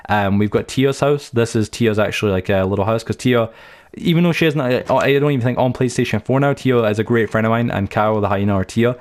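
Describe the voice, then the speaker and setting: A man's voice: fairly low pitch, fairly quick. A young man hosting a game channel, giving a chatty, rambling tour full of stories, fillers and restarts. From United Kingdom. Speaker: gaming channel host. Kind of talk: rambling let's-play tour commentary.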